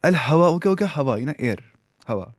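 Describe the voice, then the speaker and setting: A man teaching a beginners' Arabic class, asking his students questions and repeating each word slowly. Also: fairly high pitch, expressive, no room sound, studio quality. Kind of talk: classroom lesson.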